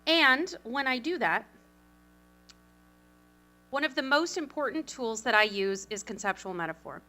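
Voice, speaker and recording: Bright, brisk woman presenting at a conference. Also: fairly high pitch, faint music behind. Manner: fast, animated, self-deprecating asides. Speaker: communications consultant, panel speaker.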